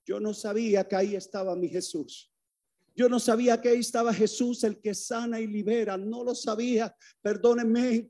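A man's voice: sits high, a little mellow. A man preaching his conversion testimony to a congregation, telling it dramatically and speaking straight to the listeners. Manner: dramatic storytelling, addresses the audience directly.

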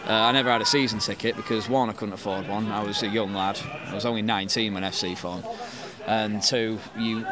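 A Mancunian football fan in his thirties, from England, chats casually in an interview full of ums and restarts. His fairly low voice stays steady and a little fast, with hardly any pauses, while crowd noise carries on behind him.

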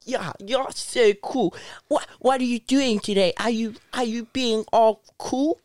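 A podcast host talks in easy, playful chat and keeps egging the others on. The voice sits at a middle pitch, close and dry, with no room sound. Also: a little slow, darkish tone, no echo.

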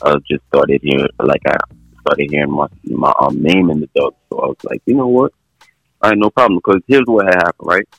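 A man's voice: rumbling low, fairly quick, gravelly, a bit bright, no echo. A man chatting casually as an interview guest on a phone call, slangy and laid-back. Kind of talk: casual chat.

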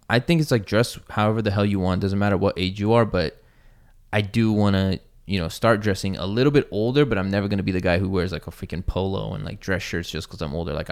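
A sneaker YouTuber in his thirties speaks in a low, creaky voice. His casual chat rambles along with lots of fillers and swearing.

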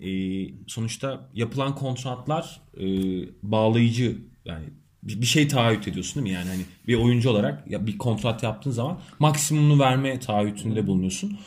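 A man's voice: mid-range voice, brisk, a little mellow. A man co-hosting a podcast, making his case in a casual chat and laughing easily. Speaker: podcast co-host.

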